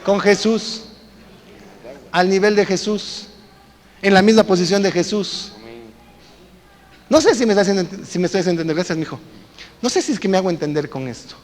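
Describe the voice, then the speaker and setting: A man's voice: high-pitched, brisk, long pauses. A male pastor preaching a sermon, telling stories and drawing the congregation in. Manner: lively storytelling with congregation interaction. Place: church. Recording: echoey church hall.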